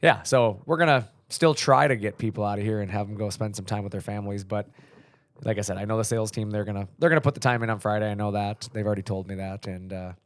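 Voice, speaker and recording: A man in his thirties hosts a casual business podcast, rambling along in a relaxed way with plenty of fillers. His voice sits low and he talks quickly. The sound is dry and close. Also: no room sound. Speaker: podcast host, company leader.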